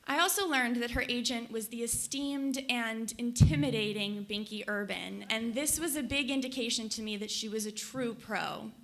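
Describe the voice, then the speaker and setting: A woman's voice: on the high side, normal speed, few pauses, a bit bright. A young woman from Colorado, a book editor, giving an earnest, enthusiastic prepared speech to a conference audience. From Colorado, USA. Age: young adult. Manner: earnest, enthusiastic, reading from notes. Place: conference hall.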